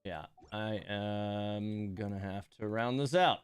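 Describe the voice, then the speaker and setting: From his home computer, a man who hosts a gaming channel livestreams a gacha game, chatting casually in a grumbling, exasperated way and knocking himself down. He speaks slowly in a voice on the low side, with a little hiss or hum in the recording.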